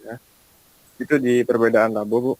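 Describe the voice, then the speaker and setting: A man's voice: mid-range voice, level tone, moderate pace, darkish tone, dry recording, low-quality recording. A male student asking questions in an online class over a call whose audio keeps breaking up. He is polite and repeats himself so he can be heard. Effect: choppy call audio breaking up. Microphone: video call.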